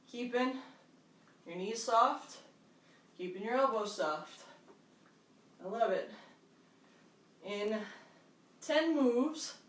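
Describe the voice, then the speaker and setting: Aerobics instructor, encouraging, slow-paced counting and cues, medium pitch, roomy echo, distant mic. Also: a bit bright. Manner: encouraging aerobics-instructor cueing in short phrases. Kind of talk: live workout instruction with counting. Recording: echoey room, distant microphone.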